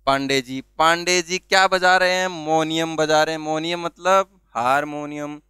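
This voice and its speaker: A man's voice: on the high side, fairly even intonation, normal speed, bright, forceful tone, smooth, dry recording. A man teaching vocabulary, asking questions and answering them himself and spelling words out letter by letter. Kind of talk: classroom-style video lesson.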